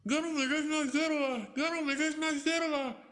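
A man voicing a tiny, clever, mischievous boy who shouts in a shrill, drawn-out way. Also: close to an everyday voice. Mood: shouting. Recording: long hall reverb.

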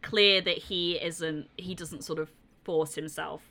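A woman's voice: sits low, fairly even intonation, measured pace, pushed and bright. A woman co-hosting a film podcast, chatting casually and responding with short replies. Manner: short backchannel replies, laughs along. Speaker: podcast co-host.

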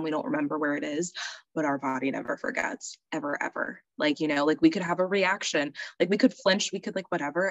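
A young woman talks in a low, easygoing register, full of fillers and quick laughs. The sound is close and dry, with no room around her voice. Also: dry recording. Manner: chatty, many fillers, laughs often. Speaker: licensed counselor, podcast guest. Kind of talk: casual chat.

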